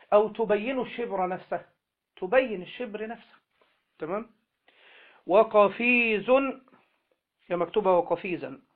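A man teaches a grammar class in a fairly high voice, slowly stretching his words and prompting students to answer. The recording is thin and tinny, like a phone line. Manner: slow, drawn-out delivery with question-and-answer prompts.

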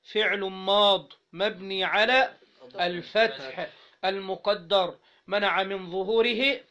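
A man with an Egyptian Arabic accent teaching Arabic grammar to a class, asking students questions again and again and spelling out syllables slowly. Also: sits high, bright, forceful tone. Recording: dull lo-fi recording.

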